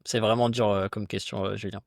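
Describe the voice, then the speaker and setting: A man talking as a podcast guest and fitness coach, in a chatty, relaxed, slangy way with lots of fillers. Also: fairly low pitch, fairly quick, creaky, no echo, studio quality. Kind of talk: casual conversation.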